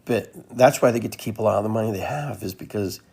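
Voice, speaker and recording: Rambling Peruvian-born man, mellow voice. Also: on the low side, fast, husky. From Peru. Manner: rambling, conversational, repeats phrases. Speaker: podcast host. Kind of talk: casual monologue.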